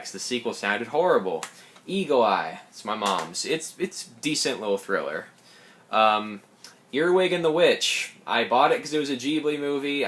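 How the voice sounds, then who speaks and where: A young man, slightly hoarse, chatting casually through his film collection with quick asides and self-corrections. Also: mid-range voice, fairly bright tone. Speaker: collector showing his films.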